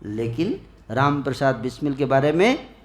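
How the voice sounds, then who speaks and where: A man's voice: mid-range voice, very animated, a little slow, reverberant. A male preacher giving a festival sermon, telling a story and repeatedly quizzing his live audience with short questions. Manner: storytelling, acts out quoted lines. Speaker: ISKCON preacher. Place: indoor festival hall.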